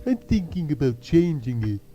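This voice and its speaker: A man's voice: on the high side, big pitch swings, normal speed, warm tone. A man voicing a laid-back teenage boy with a silly voice in a parody cartoon dub. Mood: mellow. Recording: dull lo-fi clip.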